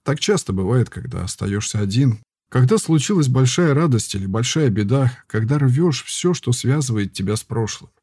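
A tired former warrior turned healer who speaks softly and patiently, as an audiobook reader voices him. The voice is dark and husky. It sounds close and dry, with no room around it. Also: male voice, medium pitch, lively intonation, normal speed, hardly any pauses, no room sound. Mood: reasoning. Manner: soft, patient, sighing. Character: weary male herbalist, former warrior, calm and gentle. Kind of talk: audiobook character reading.

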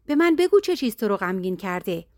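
A woman reading as a gentle old king. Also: mid-range voice, very animated, no room sound, natural voice. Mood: tender consoling. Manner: gentle, consoling. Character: aging loving king, tender and pleading.

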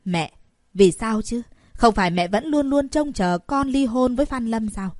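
A woman's voice: a little high, expressive, normal speed, a little mellow, dry recording, studio quality, close to an everyday voice. A woman voicing an anxious, dutiful young wife in an audiobook, pleading with and placating her mother. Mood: earnest. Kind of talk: audiobook character voice.

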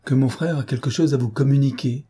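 A composed young woman speaks tranquilly and with tact, voiced by a male audiobook reader. The voice stays mellow and soft-edged, never raised. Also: medium pitch, a little fast, husky, voice pushed up, natural voice. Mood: calm. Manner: calm, tranquil. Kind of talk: audiobook character reading.

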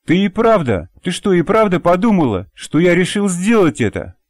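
A man voicing a gruff, loving father. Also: high voice, very animated, normal speed, dry recording, studio quality, pitched above the performer's own voice. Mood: firm, tender. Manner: firm, husky, gently mocking. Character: middle-aged father, crippled, gruff but loving. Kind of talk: audiobook character voice.

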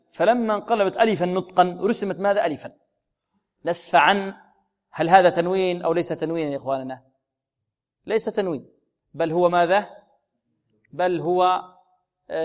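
A man teaching a Quran recitation lesson, asking questions and answering them himself, and drawing out the recited words slowly. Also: on the high side.

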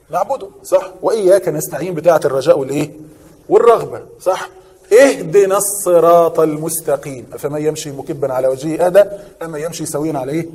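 A man's voice: a little high, husky, long reverb tail. A man with an Egyptian accent preaching a sermon, often asking his listeners a question and answering it himself. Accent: Egyptian Arabic. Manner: animated, asks and answers his own questions.

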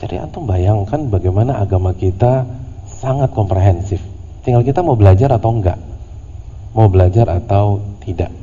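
A man teaching a religious study class in a relaxed, conversational way, with humorous slang asides. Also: on the low side, moderate pace, pauses often. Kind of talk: casual religious study lecture. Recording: lo-fi audio in a reverberant hall with faint noise.

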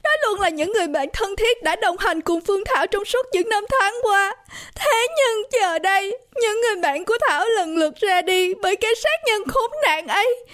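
A young woman sobbing through a speech at her own party, voice shaky and pleading, as a narrator puts her on. The voice rides very high and strained, a storybook heroine in tears. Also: animated, normal speed, a bit bright. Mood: tearful. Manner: tearful, pleading. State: crying.

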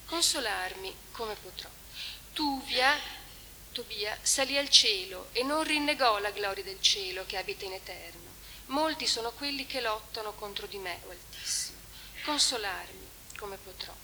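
Female academic speaker with a bright, crisp tone, reading at a lectern with careful pacing in a hall recording. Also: medium pitch, expressive. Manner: measured, deliberate reading. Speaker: conference speaker. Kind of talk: academic lecture with read-aloud translation. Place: conference hall. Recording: echoey hall recording with hiss.

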